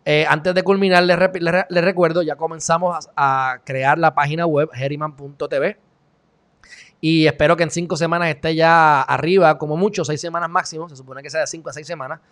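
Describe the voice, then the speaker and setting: A man's voice: a little high, fairly even intonation, a little fast, fairly bright tone. A man with a Puerto Rican accent hosting a live stream, giving heated, sarcastic commentary and reading the chat. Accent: Puerto Rican Spanish. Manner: sarcastic, heated, mocking asides. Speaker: online show host.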